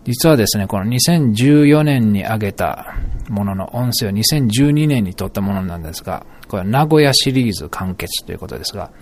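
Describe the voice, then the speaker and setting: Rambling low-voiced middle-aged man. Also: animated, a little fast, few pauses. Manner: rambling, musing, many fillers and self-corrections. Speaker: podcaster. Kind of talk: solo podcast monologue.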